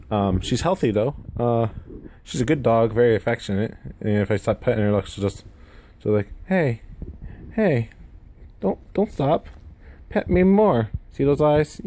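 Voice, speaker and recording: Lisping man with drawn-out S sounds. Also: lowish voice, warm tone. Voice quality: lisp with drawn-out, slurred S sounds. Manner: rambling, self-effacing. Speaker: gaming YouTuber introducing himself. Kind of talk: casual unscripted vlog to camera. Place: indoors at home. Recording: noticeable room noise.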